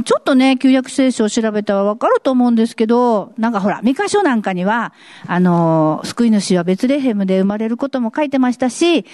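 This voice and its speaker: A woman's voice: fairly high pitch, a little mellow, no room sound, clean studio sound. A woman acting as a polite reporter in a mock street interview, explaining Bible passages. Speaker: skit reporter and Bible teacher.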